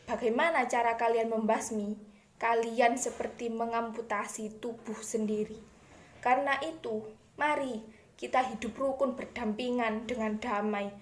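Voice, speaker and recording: Woman acting a hammy, high-voiced smug corrupt official. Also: close to an everyday voice. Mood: defiant, threatening, then conciliatory, sly. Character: smug, self-righteous corrupt official proudly confessing. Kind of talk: theatrical stage monologue, satirical oratory. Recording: echoey room.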